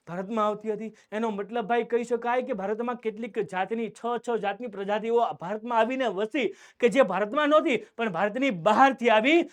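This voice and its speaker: A man's voice: high voice, clean tone. A young man with a Gujarati accent teaching an online class, asking questions and answering them himself. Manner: asks questions and answers them himself, calls viewers beta.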